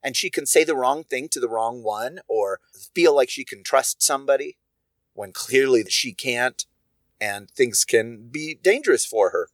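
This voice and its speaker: A man's voice: medium pitch, measured pace, no room sound. A man who writes, musing aloud in a casual solo podcast with wry, wandering asides.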